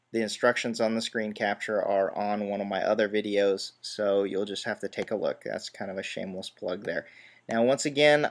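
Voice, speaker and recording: Man, relaxed tutorial host, walks through steps plainly with dry little asides. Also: lowish voice. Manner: step-by-step, relaxed, self-deprecating asides. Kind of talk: screen-recorded software tutorial.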